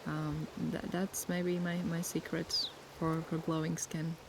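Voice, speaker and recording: Recorded outdoors against steady sea waves, this young ASMR creator from Latvia, a native Latvian speaker, talks gently through a relaxed Q&A. She takes her time, reflecting and pausing for words, and her low-sitting voice is flat and even with a gravelly fry.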